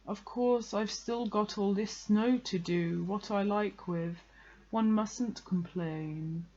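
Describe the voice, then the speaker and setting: A woman voicing a gloomy, self-pitying male donkey in a slow, melancholy, drawn-out storybook delivery. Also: mid-range voice, darkish tone, highs cut off. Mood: gloomy, resigned. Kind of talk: children's storybook character reading.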